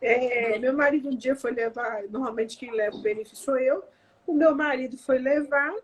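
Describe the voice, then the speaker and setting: A woman's voice: sits high, normal speed, a little hiss or hum. A Brazilian woman in her thirties, a therapist, chatting animatedly and explaining parenting limits with everyday examples. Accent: Brazilian Portuguese. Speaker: emotional therapist guest. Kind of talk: casual conversation.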